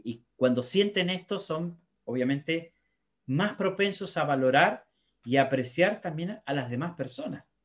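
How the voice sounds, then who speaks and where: A man's voice: mid-range voice, a bit bright. A man, a psychologist, talking animatedly about parenting and filling his speech with tag questions. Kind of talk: conversational talk on parenting.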